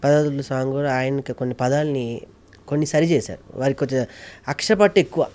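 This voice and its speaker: A man's voice: mid-range voice, a little fast, darkish tone. A man, a mimicry artist and producer, talking emotionally and repeating himself for emphasis as an interview guest. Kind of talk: casual interview chat.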